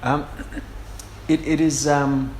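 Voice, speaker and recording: A man conducting a formal interview, putting wordy, measured questions with pauses mid-sentence. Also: on the high side, flat delivery, a little mellow. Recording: echoey room with faint noise.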